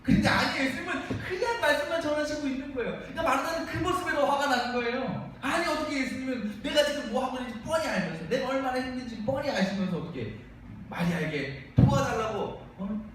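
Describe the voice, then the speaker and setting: A man's voice: very high voice, animated, fast talker, background noise. A man preaching a sermon as pastor, asking the congregation questions and acting out the lines of the people he quotes. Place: church sanctuary. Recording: very echoey room, mic far off.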